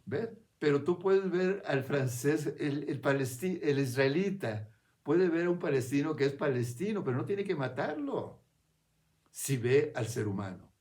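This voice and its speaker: A man with a slightly raised voice gives a reflective spiritual talk. He speaks in an unhurried, conversational way and often turns to his listener for a quick nod. He restarts phrases as he works his thoughts out aloud. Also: fairly high pitch, animated, darkish tone. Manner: conversational, keeps checking in with "¿ves?" and "¿no?".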